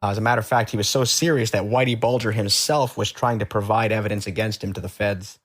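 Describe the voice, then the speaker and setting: A man from the Boston area, a guest on an interview show, telling his own story in a relaxed, rambling way with many fillers and restarts. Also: fairly low pitch, fast talker. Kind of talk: casual storytelling.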